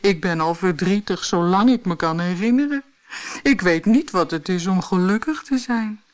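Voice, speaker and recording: A woman's voice: medium pitch, expressive, moderate pace, lightly acted. A woman voicing a sad little man in a storybook, plaintive and sniffling. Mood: mournful. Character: sad little man, always gloomy and weepy. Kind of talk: audiobook character voice.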